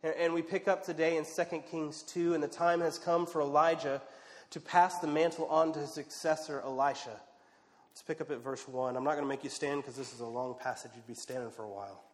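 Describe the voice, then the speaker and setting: Male pastor, fairly high voice, dramatic storytelling sermon, long church reverb. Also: fairly even intonation, brisk. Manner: dramatic, drops to a hush for quiet moments. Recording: long reverb of a large hall.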